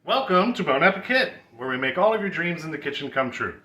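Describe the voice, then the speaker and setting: A man's voice: fairly high pitch, sing-song, fairly quick, sharp tone, roomy sound, voice pushed up. A man doing a summertime DJ announcer. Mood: announcing. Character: smooth-talking male summertime club DJ announcer.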